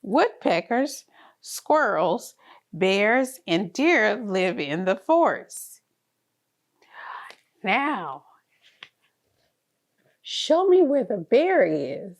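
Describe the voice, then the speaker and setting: A woman narrates a picture book for toddlers in an encouraging, child-directed manner. Her mid-range voice has a sing-song lilt, and she draws out her words and leaves long pauses.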